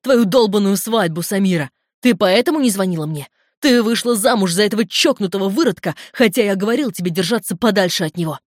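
A woman reading aloud, voicing a furious, protective brother who shouts and swears insistently over the phone. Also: mid-range voice, fairly even intonation, quick pace, hardly any pauses, no room sound, clean studio sound, natural voice.

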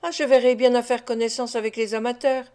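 A woman's voice: on the high side, fairly even intonation, brisk, mellow, clear, resonant tone, lightly acted. A woman reading an audiobook, voicing a boastful, greedy young man who talks in a brash, swaggering way.

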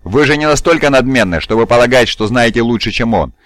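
A man's voice: mid-range voice, expressive, quick pace, fairly bright tone, no room sound, natural voice. A man voicing a huge, stern male bodyguard warrior who talks bluntly and firmly.

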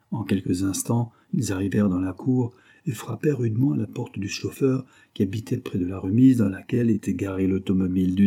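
A man reading a novel aloud as audiobook narrator, with steady storytelling. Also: fairly low pitch, slightly rough. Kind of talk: scripted narration of a French adventure novel.

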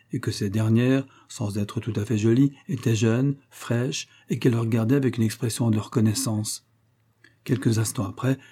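Man, audiobook narrator, husky voice, mellow dark tone, steady measured reading. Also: medium pitch.

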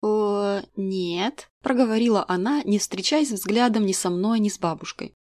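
A woman's voice: medium pitch, a little fast, a little mellow. A woman reading a first-person story aloud as narrator, with a dry, ironic storytelling manner.

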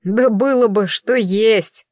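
A woman's voice: medium pitch, takes it slowly, a little mellow, dry recording, clean studio sound, close to an everyday voice. A woman reading an audiobook, voicing a grumpy, scruffy young male werewolf who mutters and grumbles. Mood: sulky. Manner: sulky, muttering, gruff.

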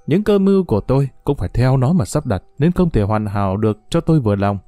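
A man voicing a sharp, intense young male detective who talks urgently and confidently. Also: medium pitch, expressive, fast talker, no room sound, close to an everyday voice. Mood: brooding.

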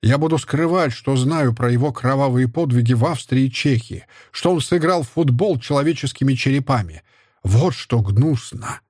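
A man's voice: mid-range voice, animated, normal speed, a little mellow, slightly rough, no room sound, clean studio sound. A man reading an audiobook and voicing a middle-aged scholar husband who speaks in bitter, contemptuous outbursts. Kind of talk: audiobook character voice.

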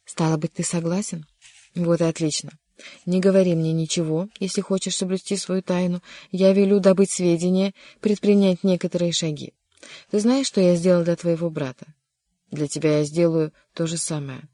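An audiobook reader voices a kindly but insistent older king, warm and coaxing but at times vexed. The voice is mid-range and close to an everyday voice, with fairly even intonation at a normal speed. It's a clean studio recording without echo.

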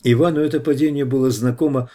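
A man narrating a science fiction audiobook with dramatic, expressive delivery. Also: mid-range voice, quick pace.

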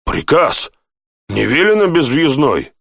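A man's voice: fairly high pitch, big pitch swings, slow, a bit bright, no room sound, studio quality, pitched above the performer's own voice, exaggerated voice. A man putting on a surly, rude town guard. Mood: defensive. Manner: surly, grumbling, gruff. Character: rude gap-toothed male town guard.

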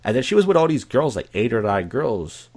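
A man's voice: mid-range voice, sing-song, fairly quick, darkish tone, breathy edge. A young man telling a story casually, acting out the quoted voices with animation. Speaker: guest.

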